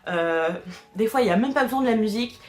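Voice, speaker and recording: A woman narrating a casual explainer voice-over. She hesitates a lot, fills pauses and restarts her sentences. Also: a little high, animated, darkish tone. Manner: hesitant, many fillers and restarts, laughs often. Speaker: video creator explaining internet history. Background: faint background music.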